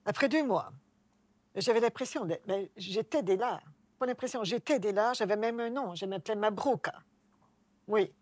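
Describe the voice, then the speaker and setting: A woman from Quebec with a Québécois French accent shares personal stories in a discussion, earnest and emphatic. Her voice is mid-range and a little mellow at a moderate pace, with no echo.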